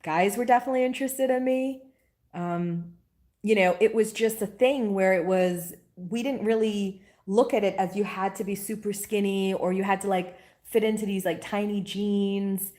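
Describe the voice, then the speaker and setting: A chatty woman talks straight to her live-stream audience in an animated, personal way. She has a voice of middling pitch, and she breaks off now and then to greet viewers by name. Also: normal speed. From Guyana. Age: 40s. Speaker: spiritual teacher. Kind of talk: casual live-stream chat.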